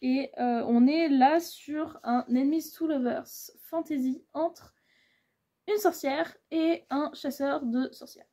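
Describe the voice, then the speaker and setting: Chatty young woman with a mellow high voice. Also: steady tone, slow pace. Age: 20s. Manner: chatty, rambling with many fillers. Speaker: booktuber. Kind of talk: casual book haul chat.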